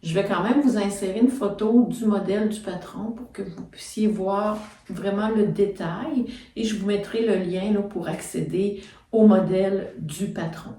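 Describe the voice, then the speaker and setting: A woman's voice: mid-range voice, moderate pace, mellow. A middle-aged woman with a Quebec French accent chats through her sewing projects, step by step, with plenty of fillers. She is recorded on a phone set back from her. The room is echoey, so her voice sounds roomy and a little distant. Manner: chatty, explains step by step with many fillers. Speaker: knitting and sewing vlogger. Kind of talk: casual show-and-tell chat. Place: home, filmed on a phone. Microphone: phone camera set back from her.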